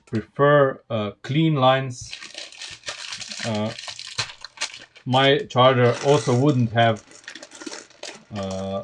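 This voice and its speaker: A man's voice: mid-range voice, noisy background. A man from Slovenia with a Slovenian accent, chatting casually on a live stream while building Lego, thinking aloud with lots of fillers and restarts.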